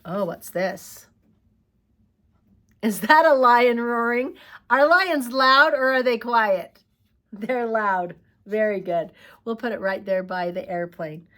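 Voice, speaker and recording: A woman teaching preschoolers, talking slowly in a coaxing, sing-song way as she asks questions and praises answers. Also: fairly high pitch, a bit bright. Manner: slow, sing-song, coaxing talk to small children. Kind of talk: children's lesson.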